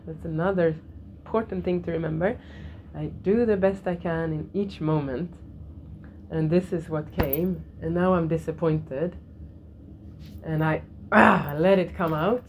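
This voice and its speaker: A middle-aged woman leads a spiritual yoga lesson for a class, her voice sitting a little low. She speaks gently, repeats her key phrases and laughs softly now and then. Faint room noise hums behind her. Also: low-quality recording. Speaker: yoga teacher.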